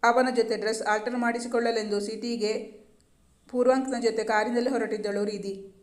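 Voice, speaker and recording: A storyteller reading a romance novel in an even, measured narration. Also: medium pitch, reverberant.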